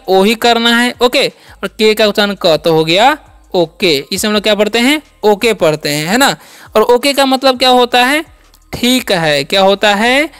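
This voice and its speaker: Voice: mid-range voice, a bit bright, clear, resonant tone. Patient teacher drilling English words. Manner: patient, asks and answers own questions; repeats each word for drilling. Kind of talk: step-by-step spelling and pronunciation lesson.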